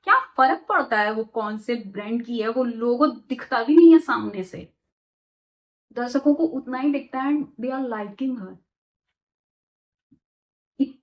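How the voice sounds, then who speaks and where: A woman's voice: fairly high pitch, low-quality recording. A woman vlogger giving opinionated, chatty commentary and mixing English phrases into her talk.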